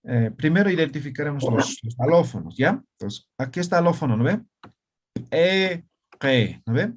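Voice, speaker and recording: A man's voice: a little high, animated, moderate pace, background noise. A man teaching an online Aymara writing class, explaining step by step and checking in with students by asking "right?". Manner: patient, explains step by step with frequent tag questions.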